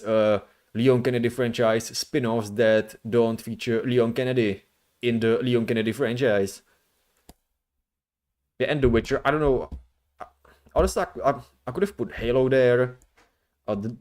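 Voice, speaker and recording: A man's voice: mid-range voice, fairly even intonation, a little mellow. Casual, rambling male livestreamer. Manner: rambling, slangy, halting. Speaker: streamer, VTuber host.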